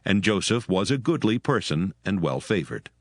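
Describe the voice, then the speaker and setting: A man's voice: fairly low pitch, big pitch swings, normal speed, heavy background noise. A man reading a scripted, dramatized scripture story as its narrator.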